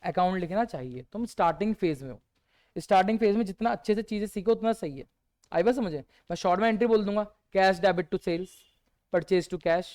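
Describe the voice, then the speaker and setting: Reviewing with his students, a male teacher keeps asking questions aloud and often answers them himself in soft, one-word replies. He speaks high and fairly quickly.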